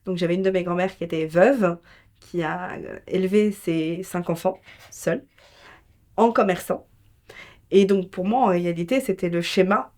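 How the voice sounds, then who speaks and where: A woman from France, an entrepreneur and business mentor, is an interview guest telling personal stories in an emphatic, colloquial, conversational way. Her voice is fairly low and darkish in tone, at a normal speed.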